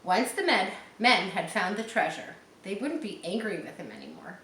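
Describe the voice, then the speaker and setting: A woman reads a story aloud, pausing to explain words and details and to check that listeners are following. Her medium-pitched voice is sing-song and fairly bright. The recording is from an echoey room with faint background noise.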